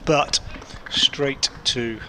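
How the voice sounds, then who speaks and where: A man working as a cricket commentator, calling play ball by ball in a measured way with pauses mid-sentence. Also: medium pitch, fairly even intonation, bright, forceful tone. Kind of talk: live cricket commentary with unhurried ball-by-ball description. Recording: outdoor ambient noise behind voice.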